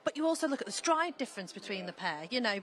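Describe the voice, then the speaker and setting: A woman's voice: a little high, big pitch swings, fast talker, a bit bright, a little hiss or hum. A woman presenting a live sports show with casual, jokey banter and a readiness to laugh.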